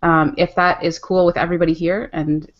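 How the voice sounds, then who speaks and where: Woman, fairly low voice, upbeat explainer, dull lo-fi audio. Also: level tone, brisk. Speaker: co-host. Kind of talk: casual live webinar chat.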